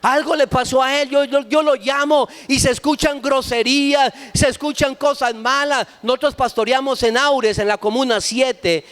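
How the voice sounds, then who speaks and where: A middle-aged man, preaching a sermon as pastor with impassioned storytelling that rises at times to shouts. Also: very high-pitched, steady tone, moderate pace, few pauses.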